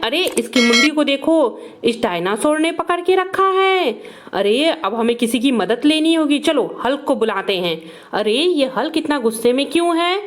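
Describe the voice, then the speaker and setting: High, excited woman narrating toy play. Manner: animated, exclaiming, cheering toys on.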